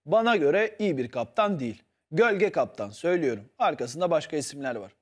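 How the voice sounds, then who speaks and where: A man with a high voice that jumps all over the place, arguing hard on a studio panel show. He keeps pressing his point and turns to the viewers to back him up. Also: animated, fairly quick. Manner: insistent, argumentative, appeals to the viewers. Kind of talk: heated TV panel debate.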